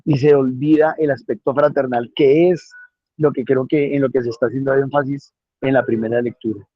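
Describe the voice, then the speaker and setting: A man's voice: medium pitch, fairly even intonation, moderate pace, dry recording, muffled recording. A man preaching a homily on the day's readings, earnest and repeating key phrases for emphasis.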